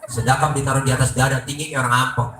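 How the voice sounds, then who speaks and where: A man's voice: medium pitch, level tone, very fast, recorded from a distance. A man with a Jakarta Betawi accent giving a comic sermon at a prayer room gathering, acting out both sides of the dialogues he tells. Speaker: preacher. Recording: echoey room, noisy ambience.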